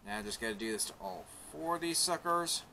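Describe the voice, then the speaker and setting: Beside a pickup truck outdoors, a man demonstrates an install in an offhand how-to for his DIY vlog, talking a little fast in a fairly low, animated, sharp voice. A camera placed a short distance off captures noisy audio with clicks.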